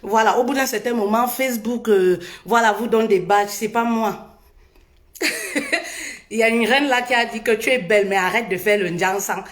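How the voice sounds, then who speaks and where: A woman's voice: on the high side, moderate pace. A woman hosting a casual live stream, greeting viewers, singing bits and urging them on. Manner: sings playfully between greetings.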